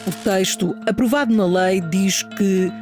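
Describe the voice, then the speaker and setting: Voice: medium pitch, unhurried. A reporter with a European Portuguese accent reads a scripted documentary news narration. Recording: loud music bed behind voice.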